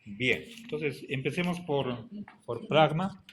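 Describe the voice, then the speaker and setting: A man teaching a class, lecturing deliberately and checking in with his students again and again. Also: medium pitch, lively intonation, a little hiss or hum. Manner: slow, deliberate, checks understanding with frequent "¿sí?".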